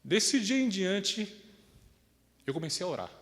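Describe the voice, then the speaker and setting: Animated preacher, echoey hall. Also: male voice, sits high, measured pace. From Brazil. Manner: conversational preaching, often asks "né?" and acts out quoted voices. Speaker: pastor. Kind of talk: sermon with personal story.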